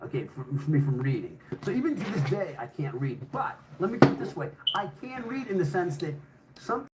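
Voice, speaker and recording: Older man rambling and swearing, fast. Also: on the high side, very animated, very noisy. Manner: rambling, heavy swearing, restarts sentences. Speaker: storyteller. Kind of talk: casual personal storytelling.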